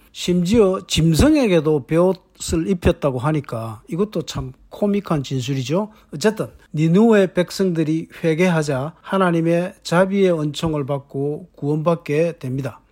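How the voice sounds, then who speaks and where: High-voiced male preacher telling a story. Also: a little mellow. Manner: conversational storytelling with wry asides. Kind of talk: sermon.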